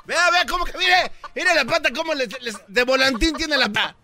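A man, playing a pushy, excitable lawyer in an improvised comedy court sketch. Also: extremely high pitch, moderate pace.

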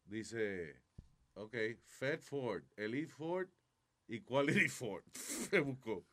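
Man, talk show host, relaxed, bouncy intonation. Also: mid-range voice, drawn-out words. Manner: laid-back, switches between Spanish and English. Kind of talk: casual chat show banter.

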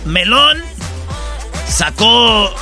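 A man's voice: high voice, sing-song, extremely slow, bright, forceful tone, faint music behind. A man hosting a radio comedy show, joking around and teasing his co-hosts with a giggly manner. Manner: giggly, teasing, tells silly rhyming jokes.

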